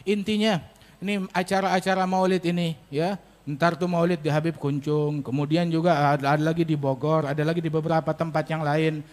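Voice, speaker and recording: Preacher guy, high voice, lively sermon, echoey hall. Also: a little fast. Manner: animated, rhetorical questions, colloquial. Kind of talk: sermon at a religious gathering.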